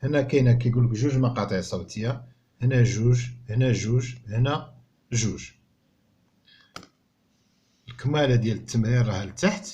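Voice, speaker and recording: A man with a Moroccan accent teaching a French reading lesson to young pupils. He sounds out each word slowly and clearly, then explains it quickly. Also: mid-range voice, mellow, dull audio, a little hiss or hum. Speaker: primary school teacher.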